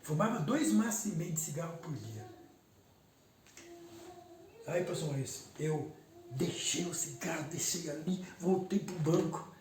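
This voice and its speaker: A man's voice: on the high side, expressive, unhurried, long pauses. A man, a pastor telling an emotional personal testimony in an emphatic way, repeating words for weight. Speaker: pastor giving his testimony. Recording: roomy echo, distant mic, faint background noise.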